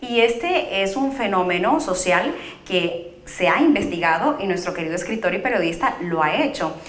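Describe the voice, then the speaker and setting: A woman hosting a talk show, asking curious, lively questions. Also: medium pitch, normal speed, echoey room. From Guatemala.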